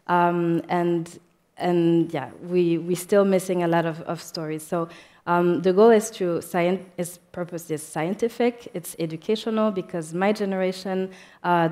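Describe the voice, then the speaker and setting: A young woman speaking on a panel about her diaspora organization's work, halting with frequent fillers and restarts. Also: lowish voice, darkish tone. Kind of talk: panel discussion remarks.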